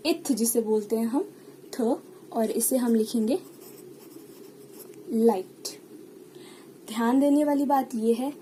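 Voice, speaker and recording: Lady teaching shorthand, high voice, slow and patient, bit of room hiss. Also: dark tone, low-quality recording. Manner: patient, step-by-step explaining, asks and answers own questions. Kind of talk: classroom lesson at a whiteboard or page.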